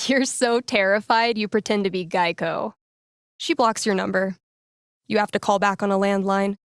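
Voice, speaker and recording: An actress plays a candid young woman radio DJ in a video game, talking naturally and earnestly with wry humor and an amused mood. Her voice is medium-pitched, recorded at studio quality with no room sound.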